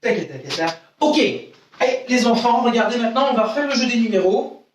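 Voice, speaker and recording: High-voiced karate teacher in an echoey room. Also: male voice, lively intonation, fairly quick, slight background noise. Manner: counts out exercises, repeats "d'accord?". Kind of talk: online kids' karate class. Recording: echoey room, voice from mic distance.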